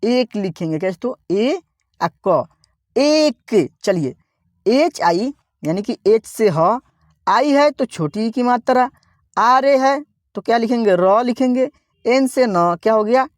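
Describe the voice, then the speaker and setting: A man teaching an online reading lesson slowly, spelling out each word, repeating it and asking viewers to say it back. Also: very high voice, animated, no room sound, clean studio sound.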